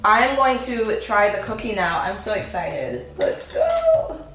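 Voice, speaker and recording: A woman's voice: medium pitch, animated, a little slow, fairly bright tone. A woman taste-testing her own cookies in a casual, enthusiastic vlog. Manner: chatty, enthusiastic, filler-heavy. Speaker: recipe vlogger. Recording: roomy echo, faint music behind.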